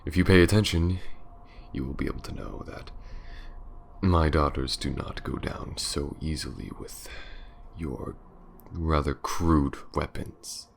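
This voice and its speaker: Lord Dimitrescu, very deep sinister vampire. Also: male voice, a little hiss or hum, full character voice. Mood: taunting. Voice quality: gravelly, breathy, often dropping to a whisper. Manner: slow, pompous, taunting drawl. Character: menacing aristocratic male vampire lord, smug and sinister. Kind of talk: ASMR roleplay acting.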